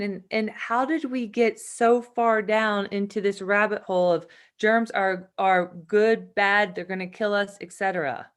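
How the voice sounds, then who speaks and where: A woman hosting an interview, affirming her guest and asking questions in an unhurried way. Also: mid-range voice. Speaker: host. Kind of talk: podcast interview.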